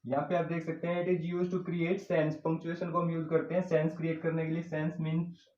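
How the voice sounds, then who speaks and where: A man teaching a grammar lesson in Hindi and English, dictating slowly as he writes on a board, with an Indian English accent. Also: a little high, completely flat delivery, darkish tone, a little hiss or hum. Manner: slow dictation while writing on a board, switching between Hindi and English. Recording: echoey room, dull lo-fi sound.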